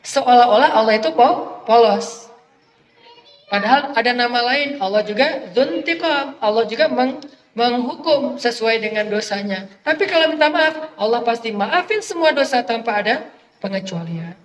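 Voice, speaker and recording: A male preacher telling a religious story in a casual, conversational sermon, animated and chatty. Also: extremely high pitch, normal speed. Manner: conversational, animated retelling with acted quotes. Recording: echoey hall, faint noise.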